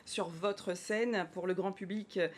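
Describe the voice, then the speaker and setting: A woman news anchor interviews a guest and introduces reports in a TV studio, with a brisk, crisp delivery. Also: mid-range voice, steady tone.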